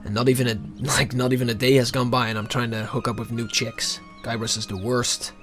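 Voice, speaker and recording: A man's voice: mid-range voice, level tone, fairly quick, a bit bright, faint music behind. A man giving casual, irreverent commentary while playing a game, sarcastic and swearing often.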